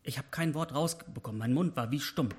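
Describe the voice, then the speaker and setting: A man's voice: mid-range voice, brisk. A man giving a personal devotional sermon, speaking with passion and rising to emphatic peaks when he voices prayers. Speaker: preacher.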